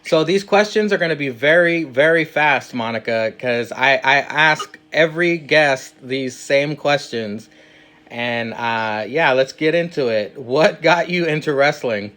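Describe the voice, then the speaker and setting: A man hosting a casual podcast interview, upbeat and quick to laugh at himself. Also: fairly high pitch, fairly bright tone. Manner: upbeat, laughs easily, self-mocking. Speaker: podcast host.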